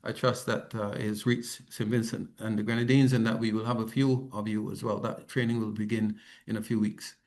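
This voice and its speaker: A man's voice: lowish voice, flat delivery, brisk, few pauses. A man from Barbados, giving a conference presentation as head of a regional organization over a remote video call. He talks conversationally, with frequent ums and self-corrections. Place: office, not the venue.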